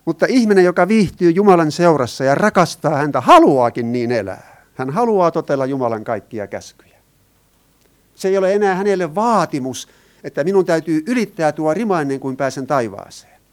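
A man preaches a sermon, stressing his points with rising and falling emphasis and putting rhetorical questions to the congregation. His voice is a little high with lively intonation.

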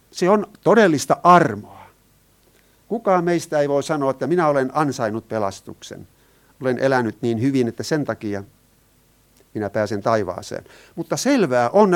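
A man preaching a sermon. He talks in an earnest way, asks his listeners questions and explains Greek words. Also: a little high.

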